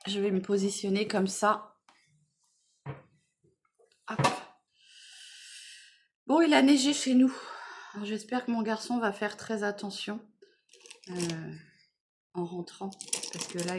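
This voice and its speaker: A woman's voice: mid-range voice, unhurried, pauses often, noisy background. Tired, rambling middle-aged woman vlogger. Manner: rambling, chatty, full of "voilà" and "bon, bref". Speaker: beauty vlogger. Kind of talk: casual makeup chat. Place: at home in the morning.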